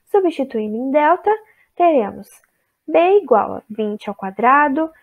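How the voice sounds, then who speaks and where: A young woman from Brazil gives a recorded math lesson, working through each step carefully and deliberately. Her voice sits high and light, and she speaks in a measured way, like a patient tutor. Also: a little mellow. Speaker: teacher trainee.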